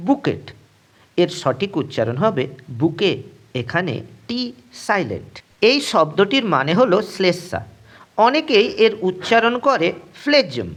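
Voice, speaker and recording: A narrator giving a scripted pronunciation lesson, setting a wrong version against the right one for each word and speaking straight to the viewer. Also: mid-range voice. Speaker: English pronunciation teacher.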